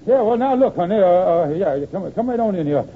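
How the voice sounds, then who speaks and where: A man's voice: high voice, lively intonation, brisk. A man playing a blustering, scheming henpecked husband in an old-time AM radio comedy, speaking a folksy ungrammatical dialect. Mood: flustered, placating. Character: blustering, henpecked lodge-leader husband, scheming and easily cowed. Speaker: comic actor. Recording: tinny, noisy old AM radio recording.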